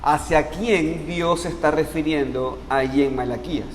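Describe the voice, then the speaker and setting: High-voiced pastor preaching in a hall. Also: male voice. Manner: asks the congregation questions and answers them; slows down to stress key words. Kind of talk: sermon. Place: church sanctuary. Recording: long reverb in a church hall, faint noise.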